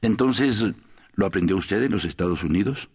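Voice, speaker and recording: A man's voice: fairly low pitch, expressive, moderate pace, a little mellow, husky. A man voicing a weary, lonely middle-aged foreigner in an audiobook, talking in a rambling, sighing, pleading way. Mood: wistful pleading. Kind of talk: audiobook character voice.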